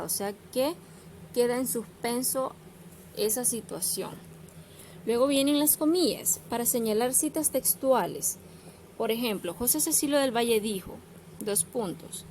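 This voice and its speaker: A woman's voice: a little high, a little mellow, slight background noise. A woman teacher, patiently explaining punctuation to students.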